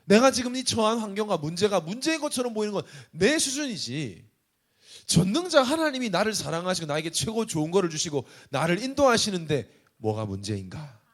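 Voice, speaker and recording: Young male pastor, sermon voice, high and very expressive, talks with the congregation. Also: brisk. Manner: animated, conversational preaching with rhetorical questions. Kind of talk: sermon to a young adults' service.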